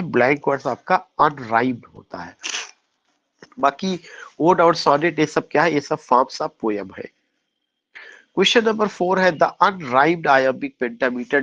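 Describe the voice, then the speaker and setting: Man teaching, reads English slowly. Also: a little high, a bit bright, no room sound. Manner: explains in Hindi, reads English lines slowly; asks questions and answers them himself. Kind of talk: exam-prep lecture. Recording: dull dry recording.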